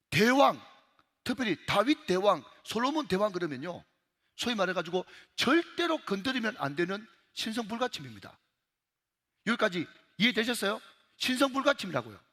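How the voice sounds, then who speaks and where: High, lively Gyeongsang pastor preaching. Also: male voice, fairly quick, long reverb tail. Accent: Gyeongsang Korean. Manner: emphatic, repeatedly addressing the congregation. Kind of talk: sermon. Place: church sanctuary.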